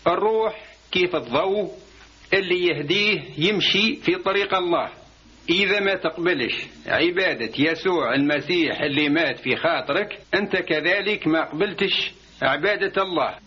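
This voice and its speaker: A man with an Algerian Arabic accent, calmly telling a religious parable and explaining it as a narrator. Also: high-pitched, moderate pace, breathy edge. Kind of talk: religious storytelling. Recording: dull lo-fi recording.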